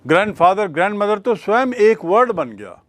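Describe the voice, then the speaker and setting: A male teacher with an Indian accent giving a grammar lecture, slowing right down on English example sentences and asking the class whether it is clear. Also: high-pitched, sing-song, no room sound. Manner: slows to a crawl on English example sentences, quick in Hindi; explanatory, asks the class questions.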